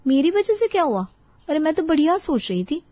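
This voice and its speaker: A woman's voice: high voice, brisk, no room sound. A woman voicing a chatty, boastful young wife in a cartoon who dreams big. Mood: pleading. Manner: excited, boastful. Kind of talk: cartoon voice acting. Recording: dull dry studio voice-over.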